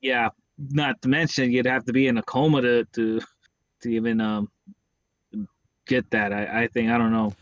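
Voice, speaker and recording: A man's voice: medium pitch, level tone, moderate pace, long pauses, no echo, dull audio. A man co-hosting a podcast in casual chat, hesitant and stammering as he searches for words. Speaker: podcast co-host.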